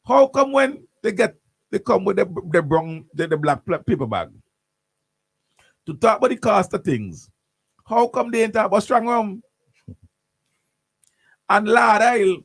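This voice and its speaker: A man's voice: high voice, lively intonation, unhurried, gravelly, pauses often, husky, no room sound. A man hosting morning radio talk, ranting animatedly with lots of repeats and restarts in a studio. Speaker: radio host.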